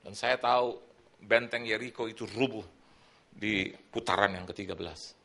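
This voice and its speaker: A middle-aged male pastor preaching a sermon, telling a personal testimony with lively storytelling and acted-out quotes, moving between loud and soft. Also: fairly low pitch, normal speed, creaky. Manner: animated storytelling, acts out quoted voices, swings loud and soft. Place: church hall.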